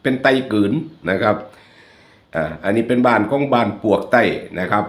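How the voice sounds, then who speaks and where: A man's voice: on the low side, a little fast. Chatty Isan-accented man in a roomy echo. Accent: Northeastern Thai (Isan). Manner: chatty, joking, addresses viewers as brothers and sisters. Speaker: YouTube channel host. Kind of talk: casual commentary over photos.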